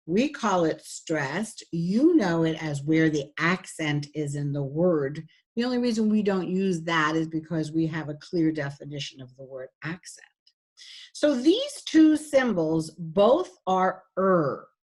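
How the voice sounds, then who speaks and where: A woman giving a recorded phonetics lecture, patiently demonstrating sounds while sharing her screen. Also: on the low side. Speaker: phonetics instructor.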